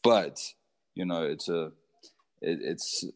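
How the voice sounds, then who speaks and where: A man's voice: deep voice, slow pace. A young man from Zimbabwe, a surfer, talking casually as an interview guest with lots of fillers and restarts.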